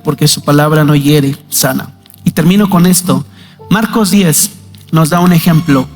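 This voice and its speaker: A man with a Mexican Spanish accent preaching a sermon as pastor, with dramatic swings, loudly acting out voices in the story. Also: high voice. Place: church hall. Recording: reverberant church hall with faint music.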